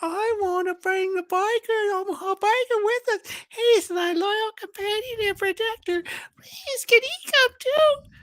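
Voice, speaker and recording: A woman's voice: extremely high pitch, fairly bright tone, no echo. A woman voicing a timid young girl who clutches a teddy bear and pleads to bring her companion along. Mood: pleading. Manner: pleading, slow and sing-song. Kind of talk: comic read-aloud of a story.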